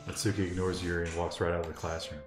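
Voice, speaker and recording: A man's voice: sits low, level tone, very fast. A man narrating a visual novel game as he plays, in a casual reading style. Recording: roomy sound, music behind.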